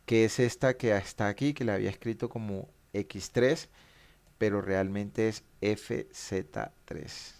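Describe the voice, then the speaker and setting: A man's voice: fairly low pitch, steady tone, a little slow, vocal fry, a little mellow. A man teaching a statics class, explaining equations patiently and stopping to correct his own mistakes.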